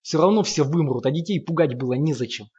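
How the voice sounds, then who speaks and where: A man's voice: a little high, expressive, quick pace, mellow, breathy edge. A man voicing a shrieking, sobbing young woman. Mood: scornful. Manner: shrieking, pleading through tears. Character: young woman being beaten, screaming and sobbing. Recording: muffled lo-fi audiobook recording.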